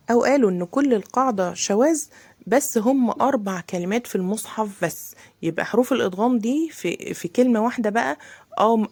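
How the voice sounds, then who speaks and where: Egyptian woman teaching recitation, mellow. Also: medium pitch. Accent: Egyptian Arabic. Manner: explains casually, then drawls examples slowly. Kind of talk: tajweed lesson with recited examples.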